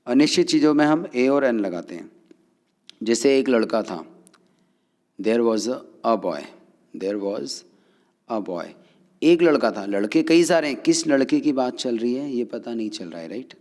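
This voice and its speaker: A man's voice: medium pitch, big-room sound. Man teaching English grammar in Hindi. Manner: steady explaining, often checking with "right?".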